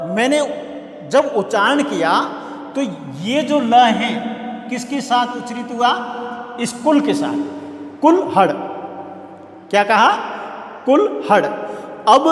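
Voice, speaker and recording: High-pitched, slow-talking male teacher. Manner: slow, repeats key words and asks the class questions. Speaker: college Hindi teacher. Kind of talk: classroom lecture on prosody. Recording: echoey room with long reverb.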